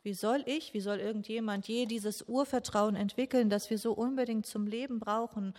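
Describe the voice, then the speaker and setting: A woman giving a slow, meditative sermon in a grieving, questioning tone, with long pauses. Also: a little high, steady tone, a little mellow. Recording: long echo of a large church hall.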